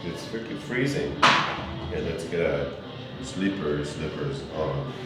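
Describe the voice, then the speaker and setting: A man's voice: very deep voice, lively intonation, slow pace, loud music behind the voice. A man from Bosnia and Herzegovina, a truck driver vlogging at a truck stop in loose, slangy, profane banter into a handheld camera. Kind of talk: casual vlog chat. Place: truck stop outdoors and shower room.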